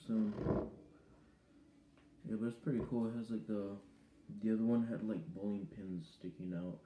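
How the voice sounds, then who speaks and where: A man's voice: fairly low pitch, fairly even intonation, normal speed, reverberant, noisy background. A teenage boy vlogging casually to camera from his bedroom, rambling and hesitant with lots of ums. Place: small bedroom indoors. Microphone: webcam or phone at arm's length.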